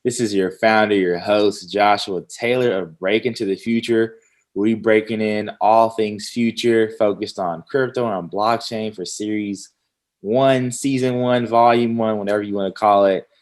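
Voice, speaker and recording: Deep-voiced upbeat podcast host. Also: male voice, steady tone, moderate pace. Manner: upbeat hype-man talk with slang. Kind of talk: casual interview. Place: Houston.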